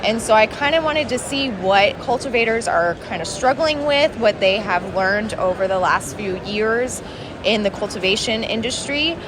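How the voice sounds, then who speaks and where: A woman's voice: on the high side, animated, moderate pace. A young adult woman giving casual, loosely hedged interview answers at a conference event. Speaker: grad student interviewee. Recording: clear background noise of event.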